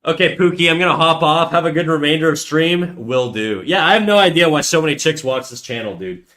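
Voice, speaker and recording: Speaking a little fast in a slightly high, bright and forceful voice, an artist chats expressively on his livestream as he draws. He rambles, swears freely, teases himself and keeps restarting his sentences.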